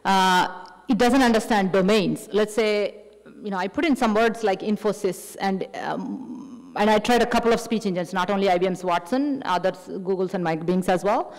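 A woman with an Indian accent gives a technical lecture at an ordinary middle pitch. She explains patiently, circling back with fillers and restarts. Her voice carries a long reverb, as in a big hall. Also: moderate pace.

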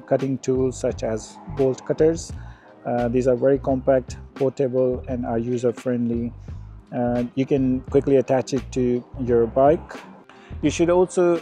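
A middle-aged man explaining motorcycle security in a casual vlog, outdoors on a residential street, pausing often with ums and uhs. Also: medium pitch, dark tone. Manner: hesitant, many ums and uhs. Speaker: motorcycle vlogger.

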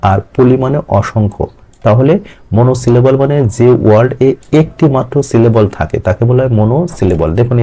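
Male online tutor, mellow voice, patient step-by-step explainer who repeats the key terms. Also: mid-range voice. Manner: explanatory, repeats key terms, breaks words into syllables slowly. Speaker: teacher. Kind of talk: online exam-prep lesson.

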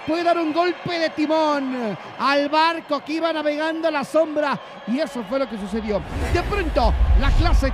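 Male lucha libre wrestling commentator, Mexican accent, excited emphatic calls, pitched way up, noisy arena crowd behind. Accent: Mexican Spanish. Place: large indoor wrestling arena.

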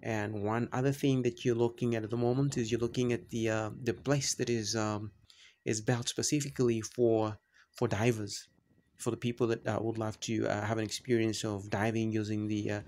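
A man with a low voice talks through a travel vlog. His delivery stays flat and even, and he keeps pausing on "uh" and starting his phrases over. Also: a little hiss or hum. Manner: halting, many fillers and restarts. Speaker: travel vlogger. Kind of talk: casual travel narration.

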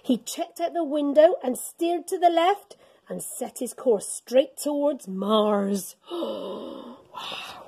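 A middle-aged woman's high, husky voice, with vocal fry and a slow pace, carries a children's story read aloud in a school classroom, indoors. Reading as a teacher would, she is expressive, animated and dramatic, punctuating the picture book with gasps and whispers.

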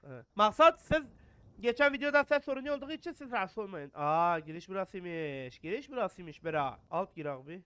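A man's voice: sits high, fairly bright tone. Jumpy young man. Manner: jumpy, swears and mutters prayers when scared. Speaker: gaming YouTuber. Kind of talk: horror game let's play commentary.

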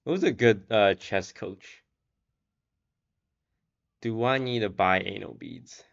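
A man streamer in casual commentary, thinking aloud in a deadpan way. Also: on the low side, slow pace, vocal fry, highs cut off.

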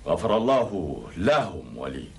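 A man's voice: low voice, sing-song, measured pace, full character voice. A middle-aged man playing a pious, humble but firm caliph in a classical Arabic historical drama, speaking in a solemn, formal way. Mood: grave, humble. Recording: dated TV drama soundtrack with music.

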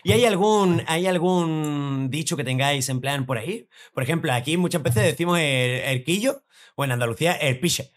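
A man hosting a casual chat, asking questions in a halting way with restarts and small chuckles. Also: a little high, animated. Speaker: host.

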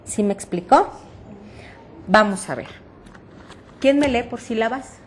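A woman's voice: on the high side, expressive, takes it slowly, slight background noise. A woman teaching a reading-aloud workshop with a Mexican Spanish accent, explaining breathing and projection patiently and often checking that her class understood. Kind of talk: voice projection lesson.

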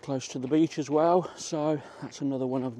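A man's voice: on the high side, fairly even intonation, moderate pace, warm tone. A middle-aged man, chatting casually as a vlogger while walking outdoors. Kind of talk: casual walk-and-talk chat. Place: outdoors in a country park. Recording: faint outdoor ambient noise.

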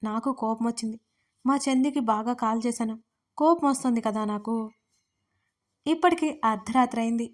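A woman narrating a romance story in first person, in a lively, emotional storytelling manner with acted dialogue. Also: a little high, normal speed, pauses often. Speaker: writer and narrator of audio stories.

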